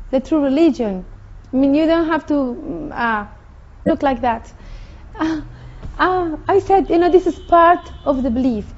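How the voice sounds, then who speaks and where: Woman, Mexican Spanish accent, earnest personal testimony, high soft-toned voice. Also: dull audio. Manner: earnest, halting, with frequent restarts. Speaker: convert sharing her testimony.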